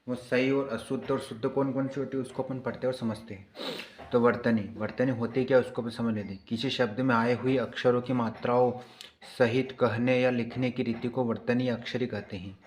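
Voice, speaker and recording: A man's voice: medium pitch, slight background noise. A man teaching grammar in an online exam-prep class, explaining patiently and repeating key points with frequent checking questions.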